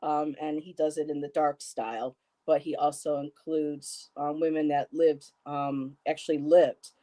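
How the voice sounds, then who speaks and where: Her low, warm voice keeps a fairly even intonation and a measured pace. The woman, in her fifties, hosts a live stream where she chats informally with a friend, reads viewer comments, rambles and laughs a lot.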